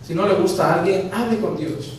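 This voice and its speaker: Man, pastor, animated sermon, booming echo, faint hiss behind. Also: fairly quick. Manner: animated, acting out dialogues with humor. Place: church sanctuary. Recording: very echoey church from a distance, faint noise.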